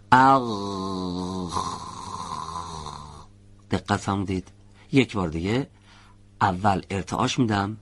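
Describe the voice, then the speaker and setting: Male tutor, lowish husky voice, dry close sound; patient studio lesson with slow repeated demonstrations. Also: no room sound. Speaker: Quran recitation teacher. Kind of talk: classroom lesson on letter pronunciation.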